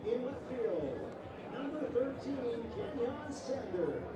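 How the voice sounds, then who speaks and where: A man announcing formally over a stadium PA, projecting in a deliberate, echoing delivery. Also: very high-pitched, big pitch swings, highs cut off. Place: outdoor ballpark, heard over loudspeakers. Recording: echoing, distant stadium PA with crowd noise.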